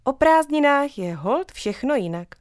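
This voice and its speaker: A woman's voice: high voice, very animated, dry recording, studio quality, pitched above the performer's own voice. A woman voicing a playful, cheerful mother who teases her children. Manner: playful, teasing.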